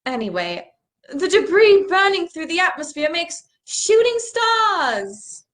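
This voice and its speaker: A woman's voice: extremely high pitch, big pitch swings, takes it slowly, fairly bright tone, exaggerated voice. A young woman acting an earnest, bookish stargazer in a stage play reading, a little apologetic as she explains things. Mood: explaining. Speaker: actor in a rehearsed play reading.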